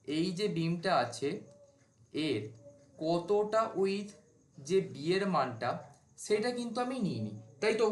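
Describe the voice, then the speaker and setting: Guy teaching a lecture, slightly higher voice, keeps asking himself questions then answering, roomy echo. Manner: informal, asks and answers his own questions. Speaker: civil engineering teacher. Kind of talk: whiteboard lecture.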